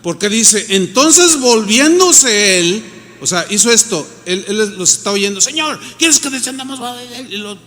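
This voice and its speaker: A man's voice: high-pitched, measured pace, sharp tone. A man with a Mexican Spanish accent preaching a sermon as pastor, in a conversational style that acts out the voices of the people he quotes. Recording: reverberant hall.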